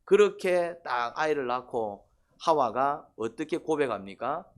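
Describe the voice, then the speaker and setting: A pastor preaches a sermon, constantly quizzing his congregation with questions and repeated short "eh?" prompts. His voice is medium-pitched and expressive, at a measured pace.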